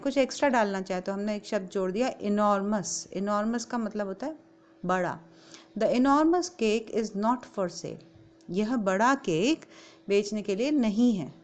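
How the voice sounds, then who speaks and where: Woman, Indian accent, English teacher, grammar lesson, English then Hindi explanations. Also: a little high.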